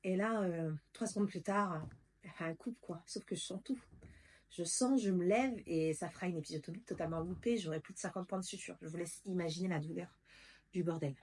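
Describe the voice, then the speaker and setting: A woman's voice: fairly low pitch, brisk, a little mellow, slightly rough. Blunt, emotional woman vlogger. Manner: blunt and emotional, with slang and swearing. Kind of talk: candid casual storytelling.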